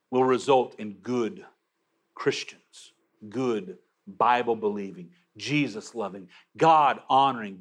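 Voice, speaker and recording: Slow, emphatic preacher. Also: male voice, fairly low pitch. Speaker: pastor. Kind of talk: sermon.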